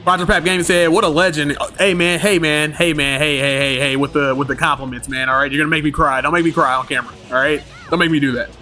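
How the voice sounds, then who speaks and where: A fairly high-voiced man chats casually on a game stream, telling stories in loose slang and breaking into laughter often. His tone is bright and forceful. Faint game music plays underneath. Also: steady tone, quick pace, few pauses. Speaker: gaming streamer. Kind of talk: casual livestream chat.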